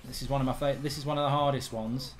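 A man chatting casually while streaming a game, reading chat aloud and shouting at his character. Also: mid-range voice, steady tone, quick pace, faint music behind.

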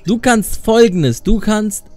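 A young adult man hosting a gaming video, talking casually and playfully in youth slang with an excitable manner. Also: high-pitched, slow pace. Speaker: gaming video creator and host. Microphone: studio condenser microphone up close. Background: faint music.

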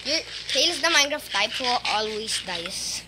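A young female host chatting excitedly through a Minecraft let's play and teasing her brother. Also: on the high side, normal speed. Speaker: gaming channel host. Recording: noisy background.

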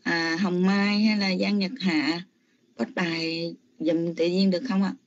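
A woman, reciting and breaking down scripture syllable by syllable in a polite, deliberate way as a student in an online class. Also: lowish voice, flat delivery. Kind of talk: slow syllable-by-syllable Pali chanting and analysis. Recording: muffled online call audio.

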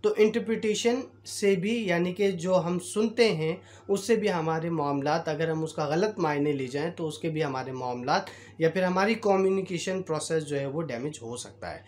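A man teaching a lesson in a conversational way, pausing on fillers and acting out bits of quoted dialogue. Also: a little high, a little mellow. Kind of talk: explanatory lesson.

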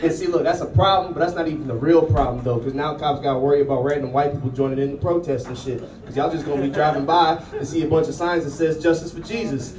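In a small comedy club, an American man works the stage with a handheld mic, telling stories in a casual, slangy, punchy stand-up style. His voice sits fairly high with fairly even intonation, and he talks fast with hardly any pauses. The sound is roomy and distant, swamped by loud crowd noise and audience laughter.

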